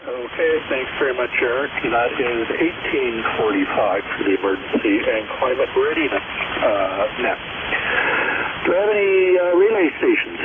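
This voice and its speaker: A man's voice: mid-range voice, expressive, normal speed, distant mic. Male net control operator on ham radio, procedural, narrow tinny sound, heavy static hiss. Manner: formal, procedural, spells call signs in phonetics. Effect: ham radio voice over shortwave sideband.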